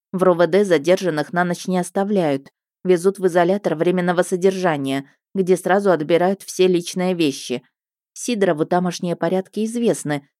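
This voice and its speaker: A woman with a fairly low voice narrates a first-person detective novel, wry and matter-of-fact. The sound is close and dry, with no room around her. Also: dark tone, no echo. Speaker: audiobook narrator.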